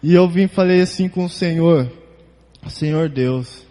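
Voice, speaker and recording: A man with a Brazilian Portuguese accent giving an emotional church testimony, halting and repeating words as he speaks. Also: high-pitched, little pitch movement, warm tone, long reverb tail.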